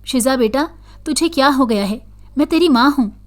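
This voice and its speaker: A woman's voice: high voice, normal speed, pitched above the performer's own voice, close to an everyday voice. A woman voicing a worried, frightened middle-aged mother who speaks in an anxious, pleading way.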